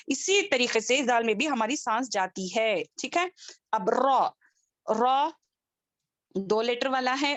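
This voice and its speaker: A woman's voice: fairly high pitch, fairly bright tone, no room sound. Woman teaching on a video call. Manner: drills letter sounds by repeating them slowly; checks understanding with frequent questions. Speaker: Quran recitation teacher. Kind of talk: online tajweed lesson.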